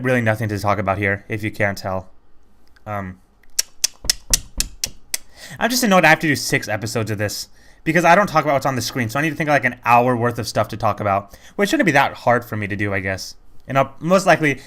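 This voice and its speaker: A man's voice: mid-range voice, a bit bright. A man giving casual, rambling commentary over a video game playthrough, chatty and self-critical. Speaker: let's play commentator.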